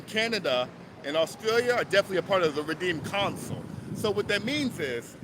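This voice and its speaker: Guy live streaming outside, high voice, slangy and loud then mumbly, lots of street traffic noise. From United States. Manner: animated, slangy, swings between loud outbursts and low mutters. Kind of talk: casual live stream chat, reading out viewer comments.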